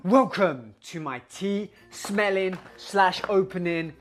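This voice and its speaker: A young man chatting casually in a home video, excitable, rambling and sweary. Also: high-pitched, slow, faint music behind. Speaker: vlogger. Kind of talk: casual vlog chat.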